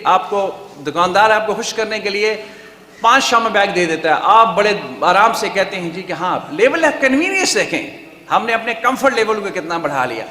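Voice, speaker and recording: A man with a high, bright, forceful voice gives a seminar talk to researchers in a lecture hall. He speaks conversationally and often slips into English phrases. The sound rings with long hall reverb. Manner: conversational, tells anecdotes, asks rhetorical questions.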